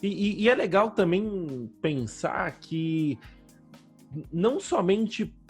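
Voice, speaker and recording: A man's voice: high voice, animated, takes it slowly, soft background music. A man co-hosting a podcast, talking casually with slang and lots of restarts. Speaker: podcast co-host.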